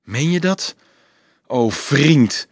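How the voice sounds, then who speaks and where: A man's voice: medium pitch, animated, extremely slow, breathy edge, no echo, studio quality, pitched above the performer's own voice, heavily acted. A man voicing an anxious young man in a storybook, speaking urgently and with a troubled tone. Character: anxious young man searching for his father.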